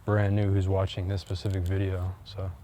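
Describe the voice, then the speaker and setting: Loud wind buffets the microphone as a man walks and vlogs outside. His low, monotone voice keeps a moderate pace, and his casual chat rambles hesitantly with plenty of fillers and false starts.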